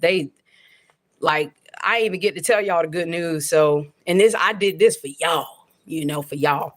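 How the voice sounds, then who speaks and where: A woman's voice: low voice, measured pace. Lady from florida ranting on her stream at home, cussing a lot, rambling, talking to the chat. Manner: profane, rambling, talks straight to chat. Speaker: livestreamer. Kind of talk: casual livestream rant. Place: at home by a window.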